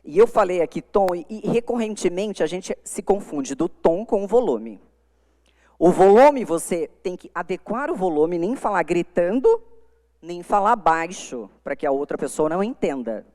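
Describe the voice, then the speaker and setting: A woman's voice: on the low side, expressive, normal speed, mellow. A middle-aged woman with a Brazilian accent gives a live lecture on communication to young lawyers, speaking emphatically into a microphone. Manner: emphatic, demonstrative, shifts volume to make points. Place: conference hall before an audience. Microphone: handheld microphone. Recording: long hall reverb.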